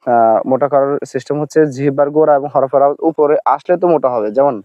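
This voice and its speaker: A man teaching Arabic letter pronunciation, patiently repeating each sound slowly to demonstrate it. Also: mid-range voice, fairly even intonation, no echo, highs cut off. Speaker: Quran recitation teacher.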